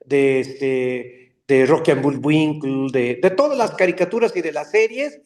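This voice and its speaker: An older man, a dubbing actor telling stories in a casual interview, animated and slipping into character voices. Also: a little high, unhurried. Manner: animated, slips into character voices mid-story. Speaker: voice actor and dubbing director guest.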